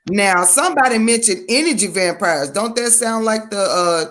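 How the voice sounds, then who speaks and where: Southern lady chatting on her stream, drawly and jokey, middle pitch. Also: animated, fairly bright tone. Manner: chatty, drawling, quick to joke. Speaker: livestream host. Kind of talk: casual livestream chat.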